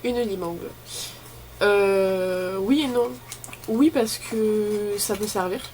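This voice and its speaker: A woman's voice: mid-range voice, fairly even intonation, takes it slowly, darkish tone. A woman vlogger chatting casually and informally, thinking aloud as she goes. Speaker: beauty vlogger. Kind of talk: casual chat while opening advent calendars. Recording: clearly noisy, ambient background noise.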